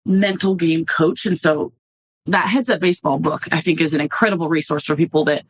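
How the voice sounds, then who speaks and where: A young adult woman, a softball player guest in a casual podcast interview, telling stories animatedly and acting out quotes. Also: deep voice, fairly even intonation, a little fast, breathy edge, no room sound, low-quality recording.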